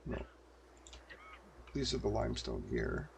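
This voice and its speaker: A man's voice: a bass voice, huge pitch swings, a little slow, creaky, a little mellow, a little hiss or hum. An older man giving casual gameplay commentary, muttering to himself as he plays at a desk mic. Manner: muttering to himself while playing. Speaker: gameplay streamer.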